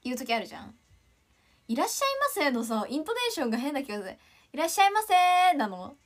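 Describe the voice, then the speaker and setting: A woman in her twenties from Ishikawa, chatting casually on a morning livestream, her voice not yet warmed up and straining on high notes, thinking aloud and trailing off softly. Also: big pitch swings, racing. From Ishikawa, Japan. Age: 20s.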